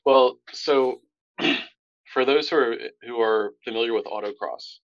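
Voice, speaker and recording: A man from Tampa co-hosting a podcast, telling a story in an animated, casual way that climbs in pitch when indignant. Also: measured pace, dry recording, dull audio. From Tampa, Florida. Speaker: podcast co-host.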